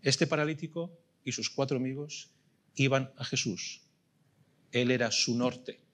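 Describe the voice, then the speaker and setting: A man's voice: medium pitch, steady tone, a little slow, a bit bright. A middle-aged man with a Spanish accent from Spain preaching a sermon, emphatic and full of rhetorical questions that he repeats for weight. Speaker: pastor.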